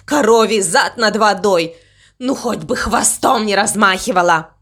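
A woman's voice: mid-range voice, measured pace, a bit bright. A woman voicing a grumpy, fussy crow in a storybook reading, muttering complaints. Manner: grumbling, sulky.

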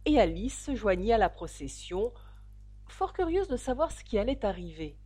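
A woman narrates a storybook with an expressive, dramatic delivery. Her voice is husky, and her pitch rises and falls in lively sweeps as she tells the tale. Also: normal speed, soft background music. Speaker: audiobook narrator.

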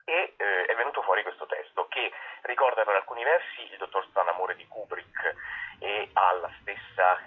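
A theatre actor and director, interviewed as a guest, presents a play in conversational answers, often rephrasing himself mid-sentence. His husky voice sits low and moves at normal speed, heard over a tinny telephone line on the radio.

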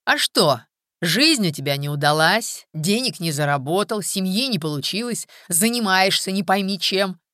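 A woman reading an audiobook, voicing a hard man who sneers loudly and provokes. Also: mid-range voice, lively intonation, moderate pace, no room sound, studio quality, voice pushed up. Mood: scornful. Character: hard, scornful grown man. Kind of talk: audiobook character voice.

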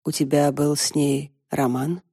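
Woman voicing a quiet, wounded wife. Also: deep voice, level tone, unhurried, gravelly, slightly rough, dry recording, studio quality, exaggerated voice. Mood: controlled. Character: calm, wounded middle-aged wife.

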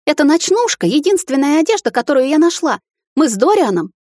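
A woman's voice: on the high side, lively intonation, moderate pace, no room sound, clean studio sound, voice pushed up. A woman voicing a fiery, furious young witch. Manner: hissing, furious outbursts. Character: fiery young witch heroine, defiant wife.

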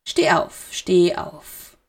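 A woman voicing a cold, silky male dark lord in a hushed, drawling voice in a spoken story. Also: extremely slow. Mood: silky menace.

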